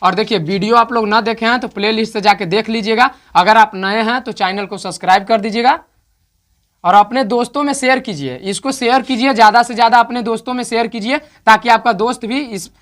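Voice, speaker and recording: Here the online grammar teacher sounds high-pitched and fairly bright, moving at a fairly quick pace. He speaks directly to students, drilling pronunciation by saying example words aloud over and over.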